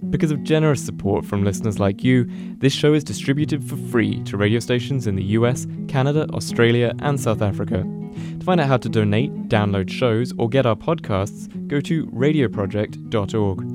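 A man reading a station announcement in a steady, promotional manner. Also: mid-range voice, brisk. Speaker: radio announcer. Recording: read over guitar music.

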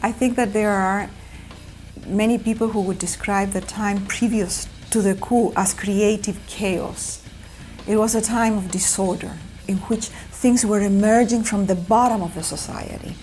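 A woman's voice: mid-range voice, fairly even intonation, a little slow, a little mellow, faint music behind. A woman answering in an interview in a reflective way.

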